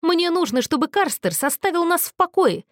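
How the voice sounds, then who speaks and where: A woman's voice: very high-pitched, big pitch swings, moderate pace, no room sound, studio quality, voice pushed up. A woman voicing a volatile, bitter young man on the edge of breaking down, snarling and accusing in a raised voice. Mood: furious, accusing.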